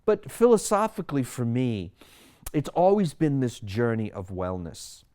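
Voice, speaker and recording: A man's voice: medium pitch, sing-song, measured pace, mellow. A man in his sixties from Sri Lanka, a physician speaking about his wellness philosophy in an explanatory monologue full of rhetorical questions. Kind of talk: personal monologue to camera.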